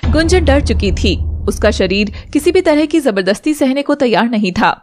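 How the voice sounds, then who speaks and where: A woman's voice: high-pitched, moderate pace, soft background music. Woman narrating a dramatic story. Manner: even, storytelling. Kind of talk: scripted narration.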